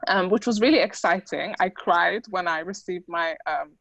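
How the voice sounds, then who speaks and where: Her voice low-ish and creaky, a young adult woman from the Netherlands gives a chatty, filler-heavy talk as a student speaker at a moderate pace. Dutch is her first language. The recording is low quality, with no room sound.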